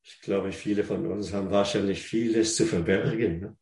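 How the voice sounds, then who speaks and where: A man preaching a sermon in German, which is not his first language. He talks haltingly, repeats words and asks the listeners questions. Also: lowish voice, fairly even intonation, darkish tone, reverberant.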